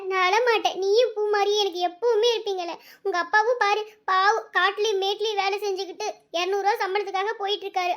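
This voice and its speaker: A woman voicing a caring, emotional village mother in a cartoon family drama. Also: very high-pitched. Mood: tearful. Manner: affectionate, tearful, talks in long runs.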